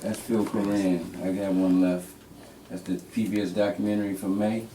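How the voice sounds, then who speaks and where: A man in casual chat indoors at a home, talking in a relaxed, easygoing storytelling way. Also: deep voice, moderate pace, slight background noise. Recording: roomy, distant mic.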